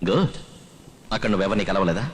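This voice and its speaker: A man's voice: low-pitched, lively intonation, fairly quick, a little hiss or hum. An actor dubbing a menacing male police interrogator in a film, firing threats and questions. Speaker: interrogating officer.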